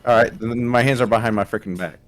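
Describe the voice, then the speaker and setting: A man's voice: mid-range voice, steady tone, quick pace. A man playing a tabletop game, describing his actions hesitantly with many fillers. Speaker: player. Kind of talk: casual tabletop role-play.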